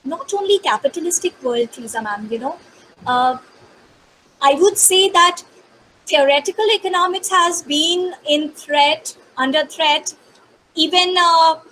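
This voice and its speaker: High-voiced woman answering questions. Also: a little slow, bright, forceful tone, a little hiss or hum, rough recording. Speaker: guest lecturer answering questions. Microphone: video call.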